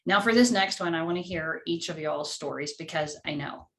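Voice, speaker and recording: A woman's voice: sits low, normal speed, fairly bright tone. Giggly self-mocking woman podcast host. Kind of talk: casual chat.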